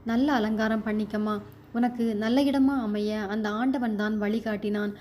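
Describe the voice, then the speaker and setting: A woman's voice: medium pitch, fairly even intonation, a little slow, warm tone, a little hiss or hum, close to an everyday voice. A woman voicing a bedridden old father who pleads tenderly with his daughter, read aloud in a storybook telling. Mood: pleading.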